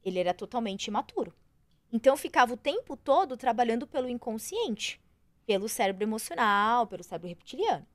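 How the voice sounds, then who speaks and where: A woman with a fairly high voice talks in a lively, expressive way as a guest on an interview podcast. She often jumps into quoting her own thoughts and sounds close to the mic. The room around her is dry and deadened. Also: a little fast, no echo. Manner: animated, acts out her own inner voice in quotes. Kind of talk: casual interview chat.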